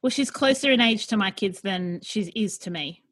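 A woman's voice: medium pitch, moderate pace, a bit bright. An Australian-accented woman hosting a podcast in a casual, chatty interview style. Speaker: podcast host.

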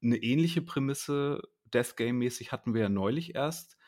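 A podcast co-host chats casually about a series he's reviewing, relaxed and laughing now and then. His voice is medium-pitched and darkish in tone, at a moderate pace.

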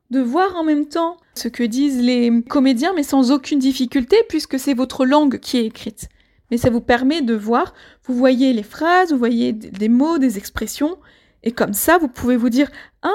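A woman with a notably high voice gives a language lesson. She explains patiently, one step at a time, and comes back to her main points to make sure they land. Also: a little mellow. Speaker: French teacher. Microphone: audio only, speaker not seen.

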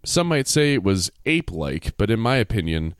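A man's voice: lowish voice, sing-song, normal speed, clear, resonant tone, dry recording, clean studio sound. A man co-hosting a casual podcast, reading a story aloud with playful jokey asides. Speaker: podcast co-host reading stories.

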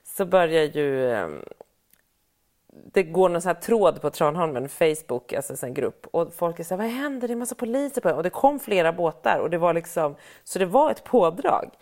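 Lively storytelling woman, lowish voice. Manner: animated storyteller, acts out quotes with big pitch jumps. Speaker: podcast co-host telling a story. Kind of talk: casual chat.

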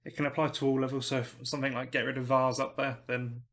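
A man's voice: mid-range voice, level tone, fast, fairly bright tone. A young man hosting a football podcast, politely reading out prepared questions and wrapping up the show. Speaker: podcast host. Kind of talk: casual podcast interview.

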